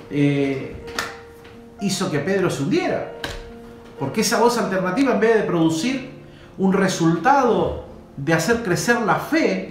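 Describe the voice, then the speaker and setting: A man preaching a sermon in a church hall, with emphatic swells and drops. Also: fairly high pitch. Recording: echoey hall with faint guitar.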